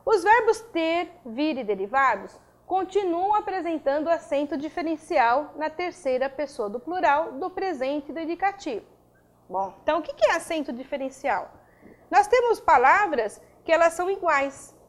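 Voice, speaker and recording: High-voiced woman teaching grammar. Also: expressive, moderate pace. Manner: didactic, checks in with frequent tags. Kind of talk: recorded video lesson.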